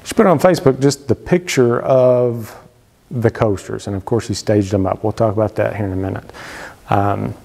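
A man's voice: fairly low pitch, normal speed, creaky, a little mellow. A man in his thirties giving casual, conversational woodworking advice straight to camera, gesturing as he talks, from his home workshop. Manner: conversational, gestures a lot, frequent fillers. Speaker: woodworking channel host. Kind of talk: casual instructional talk to camera. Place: wood-paneled home workshop, indoors. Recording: long reverb from a workshop.

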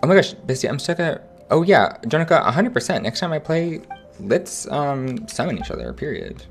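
A young man streaming a game, chatting casually with viewers in an animated, slangy way. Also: on the high side, normal speed, creaky, soft background music. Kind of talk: casual livestream chat.

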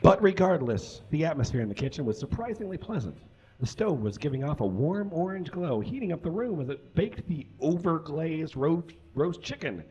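Picked up by a camera a few metres from a small curtained stage, the audio is dull as a young man reads a story for laughs, theatrical and mock-solemn with off-the-cuff asides. His slightly high, mellow voice moves through big pitch swings at a moderate pace.

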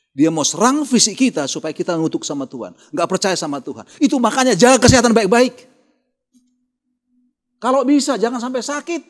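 A man with an Indonesian accent preaching a morning devotional sermon in church. He reads scripture and then quizzes the congregation with questions he answers himself. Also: high-pitched. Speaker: pastor.

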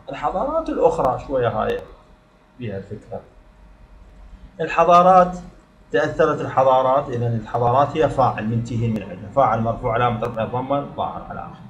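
A man's voice: medium pitch, reverberant. A man with an Iraqi Arabic accent teaching a grammar lesson, explaining step by step and repeating words for emphasis.

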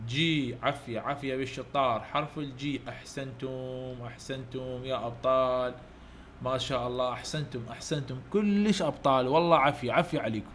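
A man with an Iraqi Arabic accent, teaching English letters to children online, coaxing loud repetition and heaping praise. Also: medium pitch, fast, slight background noise. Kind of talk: online letter-drill lesson.

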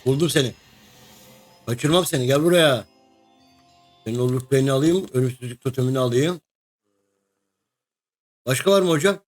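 A young man giving casual, excitable commentary while playing a game, chatting to the creatures and a co-player. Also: mid-range voice, normal speed, long pauses, faint music behind. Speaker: gaming video host. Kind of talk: casual let's-play commentary.

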